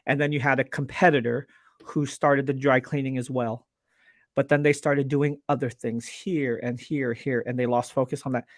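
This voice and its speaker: The guest on this casual live stream is a laser business owner, an earnest, animated man who keeps restarting what he says. He speaks at a normal middle pitch, and the sound, as if over a video call, is close and dry with no room echo.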